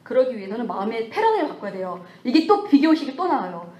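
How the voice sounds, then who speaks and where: Woman church lecturer, fairly high voice, animated, acts out little bits of self-talk; echoey hall sound. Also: quick pace, dull audio, a little hiss or hum. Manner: lively, acts out scolding and comforting self-talk.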